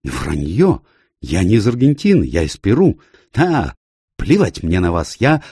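A man voicing a hot-tempered young Peruvian woman who bursts out in high, excitable cries. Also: a little slow, dry recording, studio quality. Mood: shrill. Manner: shrill, excitable outbursts.

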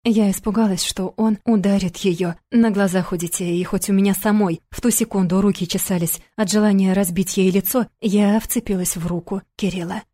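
A woman narrates a first-person audiobook. She reads in a steady, even way. Her voice is mellow and on the dark side, at a middling pitch. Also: normal speed, hardly any pauses.

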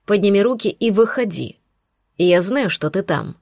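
A woman voicing a commanding young male demon prince in an audiobook, stern and measured. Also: mid-range voice, expressive, a little mellow, no room sound, clean studio sound. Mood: threatening.

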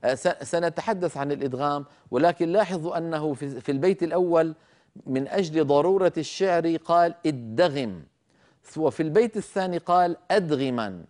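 A man teaches the rules of Quran recitation in a recorded lecture, with a voice pitched a little higher than most men's. He explains carefully and unhurriedly, repeating key words and pausing on drawn-out fillers as he walks through each example. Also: a little mellow. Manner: slow, deliberate explaining with repetitions and drawn-out fillers.

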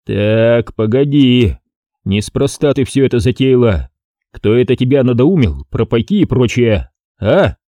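A man voicing a gruff, impatient middle-aged police chief who talks in slang, in an audiobook. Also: medium pitch, very animated, unhurried, dark tone, no echo.

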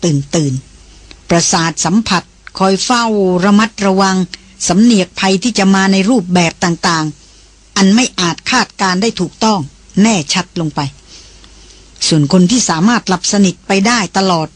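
A mid-pitched audiobook narrator with a husky, breathy grain, reading a novel in slow, drawn-out phrases. The delivery stays steady and measured throughout. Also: dry recording.

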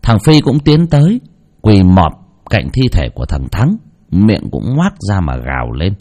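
A man narrates a spooky folk story with expressive delivery and mocking asides. His voice is husky and mellow, and it swings dramatically in pitch from line to line. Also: a little slow.

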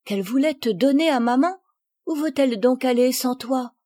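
A woman's voice: high voice, moderate pace, warm tone, no room sound, studio quality, voice pushed up. A woman voicing a pampered little girl who pleads and exclaims in a storybook reading. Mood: indignant.

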